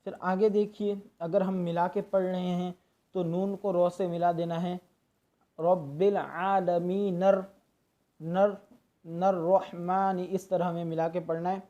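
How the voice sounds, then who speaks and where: A man giving a patient, step-by-step lesson on Quran recitation, stopping often to demonstrate drawn-out chanted verses. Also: high-pitched, flat delivery, mellow. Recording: dull lo-fi recording.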